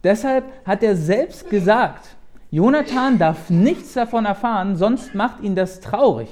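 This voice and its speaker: A man's voice: high voice, expressive, unhurried, a little mellow, pitched above the performer's own voice. A man reading as fearful, pleading David. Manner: urgent, pleading.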